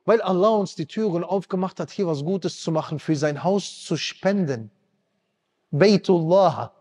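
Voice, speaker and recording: A man's voice: unhurried, a little mellow. A man in his thirties giving an emotional sermon, impassioned and pleading, addressing the congregation directly. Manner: impassioned, rising to high pleading cries. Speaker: preacher. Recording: long reverb hall.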